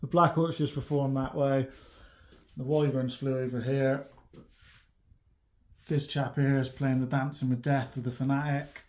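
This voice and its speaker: Casual male wargamer, mid-pitched, relaxed recap voice. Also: measured pace, pauses often. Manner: chatty, laughs at his own luck. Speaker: wargamer narrating his army's turns. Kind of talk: casual tabletop battle report.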